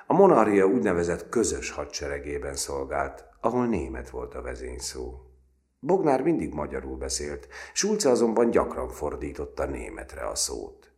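A man reading a novel aloud as an expressive audiobook narrator. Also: extremely low pitch. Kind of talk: scripted narration.

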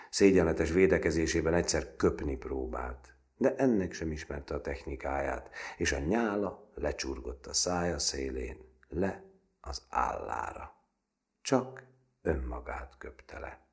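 A man narrating a literary novel as an audiobook, measured and expressive. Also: a bass voice. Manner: measured and expressive, voices characters.

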